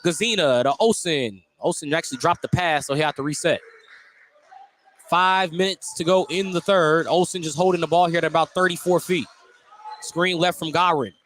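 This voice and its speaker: Calling live basketball on the radio, a man narrates each play in short, descriptive bursts as the play-by-play announcer. His voice is a little high and a bit bright, at a normal speed. Noise from the live sports broadcast is audible.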